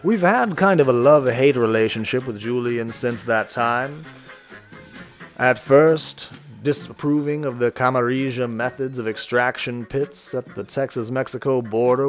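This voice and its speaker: A man reads a dark text game aloud, taking his time over each line at a slow, unhurried pace. His voice sits at an ordinary middle pitch, and soft music plays faintly behind him. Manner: measured, deliberate storytelling. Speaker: streamer reading an interactive fiction game. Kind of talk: dramatic reading of a text game.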